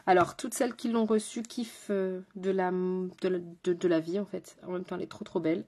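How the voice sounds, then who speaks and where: A woman's voice: fairly low pitch, fairly even intonation, a little fast, warm tone, slight background noise. A woman with a French accent, a makeup artist chatting with viewers while doing her makeup on a live stream. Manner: chatty, talks straight to viewers and chat.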